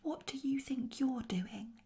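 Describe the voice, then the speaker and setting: Woman whispering as gruff squabbling goblins. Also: sits high, takes it slowly, mellow, voice pushed up. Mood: quarrelsome. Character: rude squabbling male goblins. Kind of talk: whispered role-play.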